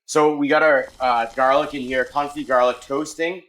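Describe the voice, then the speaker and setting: A middle-aged American man, a chef, explaining his cooking in a casual, halting conversational way. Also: medium pitch, fairly even intonation, fairly bright tone. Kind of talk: casual cooking demonstration and chat. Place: restaurant kitchen. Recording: echoey kitchen room sound.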